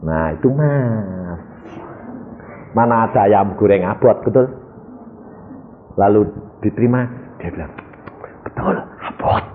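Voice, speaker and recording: A male pastor with a Javanese accent preaching a sermon, telling stories animatedly and swinging from loud exclamations to hushed asides. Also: on the low side, takes it slowly, pauses often, phone-quality sound, a little hiss or hum. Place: church.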